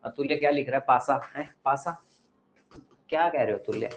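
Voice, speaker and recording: A man's voice: medium pitch, moderate pace. A male teacher lecturing a class, asking the pupils questions and giving advice.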